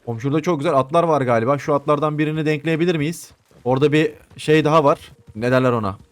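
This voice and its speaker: A man's voice: on the high side, fast, no room sound. A young man commentating a western video game as he plays, joking, swearing and talking back to the characters. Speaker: gameplay commentator. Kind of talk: let's play commentary.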